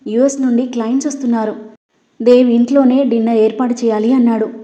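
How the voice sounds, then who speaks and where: A woman's voice: a little high, fairly even intonation, quick pace, mellow, close to an everyday voice. A woman voicing a scheming young woman who talks sweetly and in a hurry. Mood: sly. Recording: roomy, dull lo-fi.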